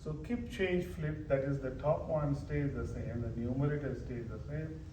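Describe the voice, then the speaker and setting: A man at medium pitch and moderate pace walks through a worked math example in a relaxed lesson, narrating each step as he writes and repeating phrases. He sounds echoey and far away, picked up by a distant mic with faint background noise.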